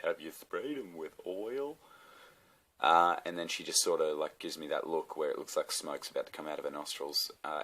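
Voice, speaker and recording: A man's voice: low-pitched, a bit bright. A young Australian man ranting casually and profanely to camera, rambling through sardonic asides. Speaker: comedian vlogger.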